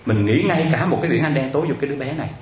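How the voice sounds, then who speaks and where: A man, a monk telling a story in a lively, emphatic sermon. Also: medium pitch, rapid-fire, a little hiss or hum. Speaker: Buddhist monk. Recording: echoey hall recording.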